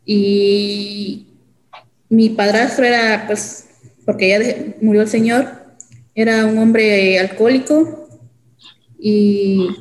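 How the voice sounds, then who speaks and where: A young woman from El Salvador, telling her own story as an interview guest in a halting way, with many fillers and restarts. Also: a little high, steady tone, reverberant, poor audio. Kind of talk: hesitant personal testimony.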